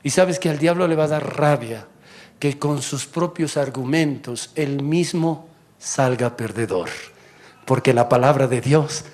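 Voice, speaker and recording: A male pastor preaching a sermon in church, animated, swinging from loud exhortation to quiet asides. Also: medium pitch, a little slow.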